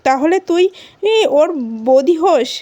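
A woman's voice: high-pitched, unhurried, warm tone, no room sound, lo-fi sound. A woman reading as bullying young thugs. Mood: threatening.

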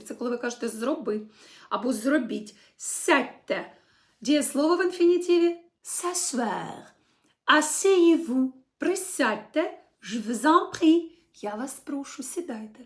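A young woman teaching an online language lesson, explaining word by word and modelling phrases slowly and brightly. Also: high-pitched. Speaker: French teacher.

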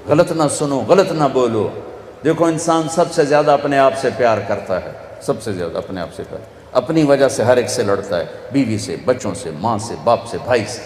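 A man's voice: medium pitch, darkish tone, a little hiss or hum. A man with a Pakistani Punjabi accent preaching a sermon, telling stories and acting out the dialogue himself. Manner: storytelling, acts out dialogue, switches into Punjabi for punchlines. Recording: echoey hall, faint ambience.

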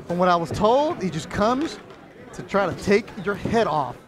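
A man's voice: high-pitched, very animated, normal speed, background noise. A man doing casual boxing commentary, bantering in a jokey, chummy, slangy way. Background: music.

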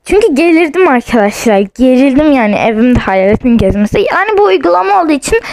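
Her voice sits high and is very animated, fast, and darkish, caught on a low-quality recording with no echo. She's a young woman vlogging casually from home with her phone as she tries a ghost-hunting app. Nervous and easily startled, she keeps repeating that she's scared.

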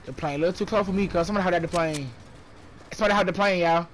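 A young man streams a game in casual chat, his voice sitting high for a man. He talks in excitable slang and fires off repeated callouts. A faint hiss runs under him. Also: racing.

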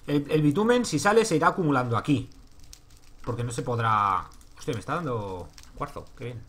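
A man's voice: medium pitch, expressive, fairly quick, fairly bright tone. A man from Spain streaming live gameplay, chatting casually with his viewers and swearing freely as he plays. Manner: talks to himself and chat, swears freely. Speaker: livestreaming gamer. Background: keyboard typing and clicks.

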